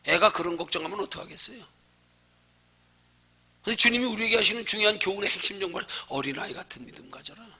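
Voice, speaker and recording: A man with a very high, gravelly and raspy voice leads a Bible study sermon in a church. He preaches in a conversational way and keeps asking his listeners rhetorical questions. He moves between loud, emphatic urging and quiet, hushed asides. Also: lively intonation, fast, long pauses. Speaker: pastor.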